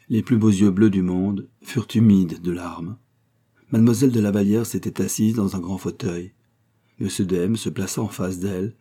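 A man reading a classic novel aloud as an audiobook narrator, in measured, even storytelling. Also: low-pitched, slightly rough. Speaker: audiobook reader. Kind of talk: scripted narration.

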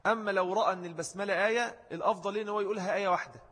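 Husky Egyptian man teaching in a hall. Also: high-pitched, fairly even intonation, very fast, a bit bright. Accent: Egyptian Arabic. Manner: explains step by step, demonstrating wrong and right pronunciations. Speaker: religious teacher. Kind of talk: spoken religious lesson. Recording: long hall reverb.

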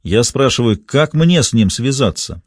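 Male reader as a menacing ex-cop enforcer, clipped, cold threats, expressive pitch, dry studio sound. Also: moderate pace, dry recording, natural voice. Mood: cold interrogation.

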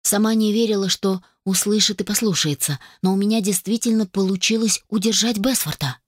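A woman reading a first-person novel aloud as an audiobook narrator, in an even, steady manner. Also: medium pitch, fairly quick, no echo, clean studio sound.

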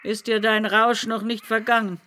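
A woman's voice: sits low, expressive, a little slow. An actress playing a blunt, scolding older Sicilian mother in a radio drama. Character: Sicilian mother, older woman, sharp-tongued.

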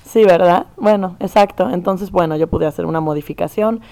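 Thoughtful young Mexican woman, smooth voice. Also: fairly low pitch, a little fast, dark tone. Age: young adult. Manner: thoughtful, earnest, explains at length. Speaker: performance artist guest. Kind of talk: conversational interview.

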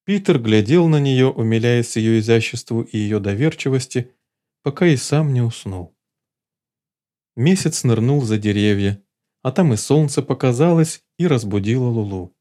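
Mellow male audiobook narrator. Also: medium pitch. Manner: steady, measured storytelling.

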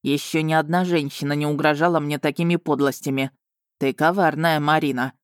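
A woman voicing a gruff, self-assured male dragon guardian, speaking low and slow in a mocking way. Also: steady tone, no echo, studio quality, natural voice. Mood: amused.

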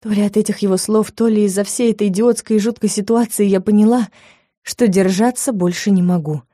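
A woman narrating a first-person audiobook, telling the story in a lively, expressive way. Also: medium pitch, brisk, no room sound, studio quality.

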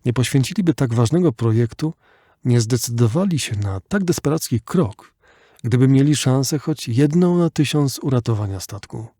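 Male audiobook narrator, measured and reflective, mellow tone, dry booth. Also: mid-range voice, animated, no room sound. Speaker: audiobook reader.

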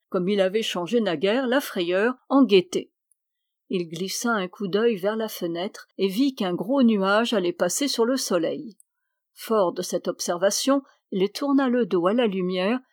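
A woman narrating a historical novel aloud in a measured, expressive reading. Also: medium pitch, no room sound, studio quality. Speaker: audiobook reader.

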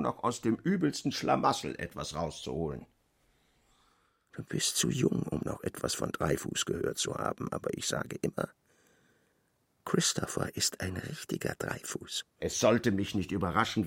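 Gruff old general, gravelly, husky, low voice, radio play. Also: male voice, big pitch swings, normal speed, exaggerated voice. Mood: blustering. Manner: blustering, gruff.

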